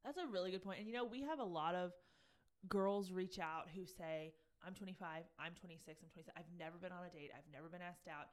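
A woman's voice: lowish voice, fast talker. A woman speaking earnestly and thoughtfully on a casual podcast. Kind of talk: casual chat.

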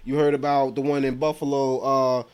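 A man co-hosting a podcast, telling animated, slangy stories and laughing often, in casual chat. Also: medium pitch, moderate pace, smooth. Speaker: podcast co-host.

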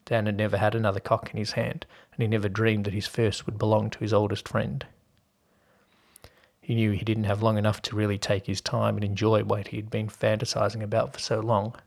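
Man narrating in a low, flat voice. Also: brisk, creaky. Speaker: podcast host and story narrator. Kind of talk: scripted story narration.

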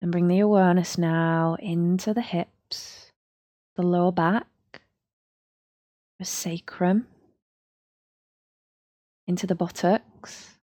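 A woman, a yoga teacher leading a slow, soothing guided body-scan relaxation. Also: fairly low pitch, steady tone, warm tone, dry recording, studio quality.

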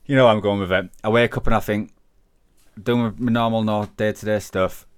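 Deep-voiced man, rambling podcast host. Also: fairly even intonation, a little fast, clean tone, no echo, clean studio sound. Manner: rambling, self-correcting, chatty. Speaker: podcast host, paranormal investigator. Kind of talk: casual podcast chat.

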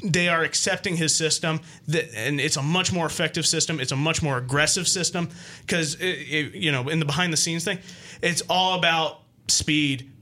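An American man chats through hockey analysis as a podcast co-host. His voice is bright and a little high for a man, and he often doubles back on words while making a point. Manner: halting, repeats words as he explains.

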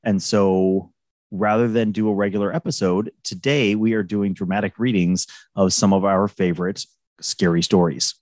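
Low-voiced male podcast host, close and dry. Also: steady tone, moderate pace, a little mellow, dry recording. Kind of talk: casual podcast chat and introduction.

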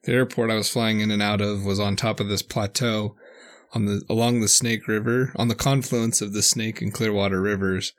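A man's voice: on the low side, steady tone, moderate pace. A young American man co-hosting a podcast in easygoing, casual chat. He laughs often and finishes his co-host's sentences. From United States. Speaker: podcast co-host.

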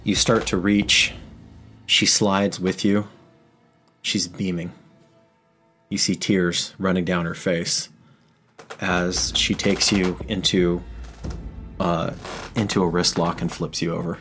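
A man narrating a tabletop game as game master, describing the scene vividly and with pauses, with faint music underneath. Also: sits low, flat delivery, a bit bright.

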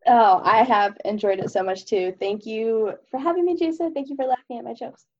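A woman's voice: fairly high pitch, brisk, a little mellow, no room sound. A woman chatting casually as an author and guest on a podcast, on slightly dull, lo-fi audio. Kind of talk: casual interview chat. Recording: dull, lo-fi band-limited audio.

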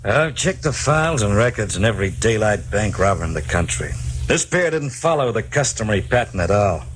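An actor playing an earnest, methodical police lieutenant in an old radio crime drama. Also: male voice, fairly low pitch, sing-song, a little fast, a little hiss or hum. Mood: businesslike.

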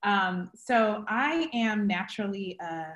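A woman's voice: medium pitch, animated, takes it slowly, fairly bright tone. A woman photographer is a podcast guest and tells her story, laughing easily. Her voice has a roomy echo around it. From Uganda and Zimbabwe, then US South. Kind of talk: casual interview chat.

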